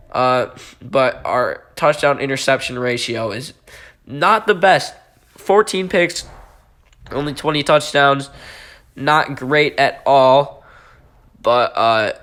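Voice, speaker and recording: A gaming YouTuber provides casual commentary over his football video game footage, speaking haltingly with lots of fillers. His voice is medium-pitched and a bit bright.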